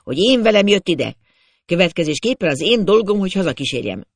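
Guy voicing a pushy arrogant gent in an audiobook, loud and gravelly, dry sound. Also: a little high, lively intonation, dry recording. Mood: angry. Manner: loud, commanding. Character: arrogant young gentleman, forceful and angry.

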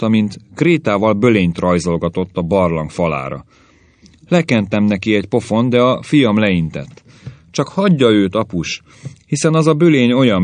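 A man's voice: lowish voice, a little mellow, dry recording, close to an everyday voice. A man voicing a grumbling old caveman grandfather who rants and complains about the young, in a story reading. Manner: querulous ranting.

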